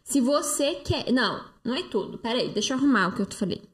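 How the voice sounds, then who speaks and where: A woman's voice: on the high side, expressive, very fast. A woman with a Brazilian Portuguese accent, hosting a live stream and answering viewer comments in a chatty, persuasive way with frequent fillers. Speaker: live-stream host, detox coach. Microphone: phone close-up.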